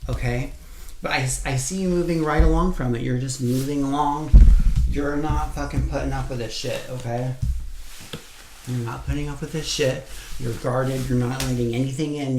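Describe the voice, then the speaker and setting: A man giving a casual pick-a-card tarot reading, blunt and profane, repeating points over and over for emphasis. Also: mid-range voice. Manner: blunt, swears freely, repeats himself for emphasis. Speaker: tarot reader. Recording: echoey room with faint noise.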